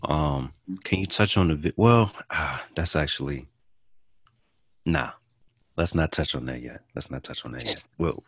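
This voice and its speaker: A male podcast host asking questions hesitantly, with many pauses and ums. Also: a bass voice, a bit bright, breathy edge, no room sound. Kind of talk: podcast interview.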